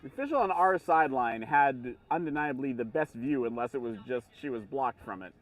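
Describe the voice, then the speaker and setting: A man's voice: medium pitch, expressive, fairly quick, recorded from a distance. A man giving explanatory live sports commentary in long, running sentences. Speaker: color commentator.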